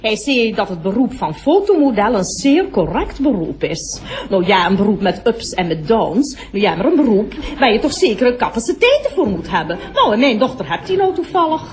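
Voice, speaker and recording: A woman's voice: mid-range voice, very animated, normal speed, a little mellow, a little hiss or hum. A woman performing a comic monologue as a talkative, prim cloakroom attendant who gossips about her daughter and breaks off to speak to passing guests. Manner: chatty gossiping storyteller who keeps breaking off to address visitors. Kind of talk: comic monologue with audience laughter.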